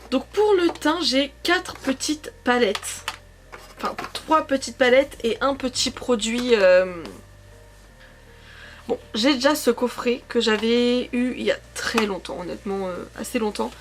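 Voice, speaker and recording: A young woman in her twenties with a slightly high voice talks through her makeup in a relaxed, chatty way. She rambles, corrects herself mid-sentence and leans on fillers, speaking into a camera mic at home. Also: a little hiss or hum. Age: 20s. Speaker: beauty vlogger. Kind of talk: casual makeup chat. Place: sitting on her couch at home.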